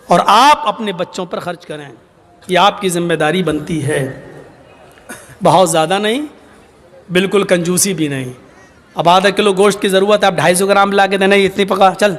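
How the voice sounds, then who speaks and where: High-pitched preacher man in echoey hall. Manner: storytelling, acts out dialogue with rising shouted lines. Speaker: Islamic preacher. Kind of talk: religious speech to a gathering.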